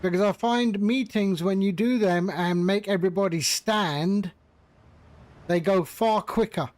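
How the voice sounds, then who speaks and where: A man's voice: sits high, a little slow, darkish tone. A man streaming a flight simulator, chatting casually with his viewers, joking and laughing often. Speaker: flight sim livestreamer.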